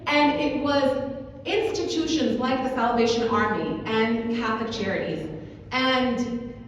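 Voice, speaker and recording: A woman's voice: on the high side, unhurried, recorded from a distance, slight background noise. A woman who grew up in Kuwait giving a persuasive talk to a convention audience, often asking them "right?". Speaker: advocacy manager speaking at a convention. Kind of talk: conference talk. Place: large convention hall. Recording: echoey hall recording from afar, dull.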